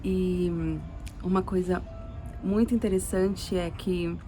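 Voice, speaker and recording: Over music, a young Brazilian woman based in Sweden rambles casually through a personal story, restarting frequently and adding tag questions. She speaks slowly, with a fairly low pitch and fairly even intonation, in a Brazilian Portuguese accent.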